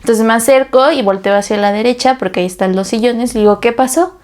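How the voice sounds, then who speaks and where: A young woman, co-hosting a casual podcast and telling a story in an animated way, acting out the voices she quotes. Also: fairly high pitch, quick pace. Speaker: podcast co-host. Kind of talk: casual chat.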